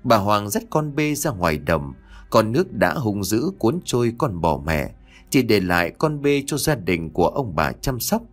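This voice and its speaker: Low-voiced, expressive male storyteller. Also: moderate pace. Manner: dramatic, expressive reading. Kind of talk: scripted audio story narration. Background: soft music.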